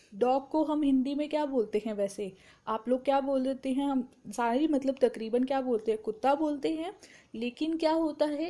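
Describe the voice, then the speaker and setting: A young woman teaching an online exam-prep vocabulary lesson, asking questions and answering them herself, slowing down on key terms. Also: high voice, dark tone. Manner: asks and answers her own questions, slows to spell out terms.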